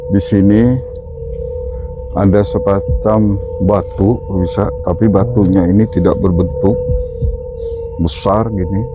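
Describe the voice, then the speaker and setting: A man presenting a night paranormal vlog in short, halting phrases addressed to viewers. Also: sits low, little pitch movement. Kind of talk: night ghost-hunt vlog commentary. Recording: dull lo-fi audio, loud eerie music. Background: loud music with singing-bowl tones.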